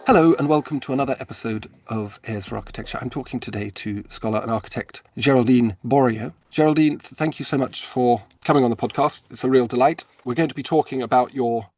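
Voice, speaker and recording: A man's voice: medium pitch, fast talker, hardly any pauses, darkish tone. A man from Britain hosting an interview podcast, asking questions politely and eagerly, with the odd stumble. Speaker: podcast host. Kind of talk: interview conversation.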